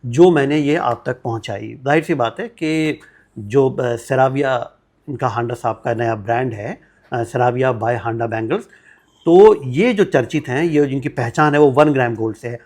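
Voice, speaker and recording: A man's voice: mid-range voice, moderate pace, darkish tone. A man hosting a promotional interview, upbeat and prompting, echoing his guest's answers.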